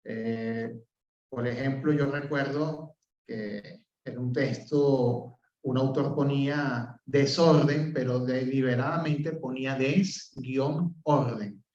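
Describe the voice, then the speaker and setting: A man with a Venezuelan accent teaching an open class, explaining step by step, filling pauses with "eh" and checking in with "¿ok?". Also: medium pitch, fairly even intonation, a little mellow. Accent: Venezuelan Spanish. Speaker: professor. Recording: roomy, distant, dull sound.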